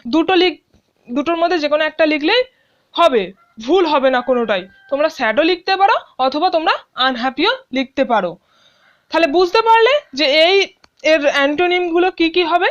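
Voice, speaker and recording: High-voiced woman teaching patiently. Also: lively intonation, normal speed. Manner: patient, asks questions and answers them. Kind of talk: explaining an English lesson to students. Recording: dull lo-fi sound.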